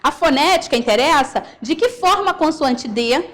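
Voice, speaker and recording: A woman's voice: sits high, expressive, normal speed. A woman with a Carioca accent from Rio de Janeiro, a teacher giving a recorded class lecture over slides, explaining step by step and often checking in with her students. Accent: Carioca Brazilian Portuguese. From Rio de Janeiro, Brazil. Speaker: Portuguese teacher.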